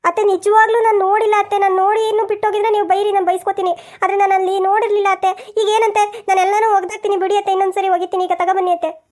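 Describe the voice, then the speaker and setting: A meek young wife, voiced by a woman in a cartoon, always apologizing and pleading. Her voice is very high and her talk runs fast. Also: little pitch movement, darkish tone. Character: meek, tearful young daughter-in-law. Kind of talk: cartoon voice acting.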